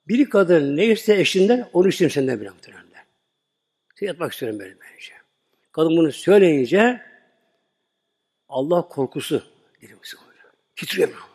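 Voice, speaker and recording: Man, preacher, earnest sermon storytelling, slightly high voice, reverberant hall. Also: darkish tone, husky. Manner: earnest storyteller acting out dialogue, addresses listeners as "muhteremler".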